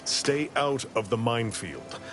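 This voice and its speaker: A man's voice: mid-range voice, sing-song, measured pace, a bit bright. An actor playing a stern male officer in a video game, speaking in a formal, scornful manner. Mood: stern, disdainful. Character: stern, disdainful male officer giving a warning. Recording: music behind the voice.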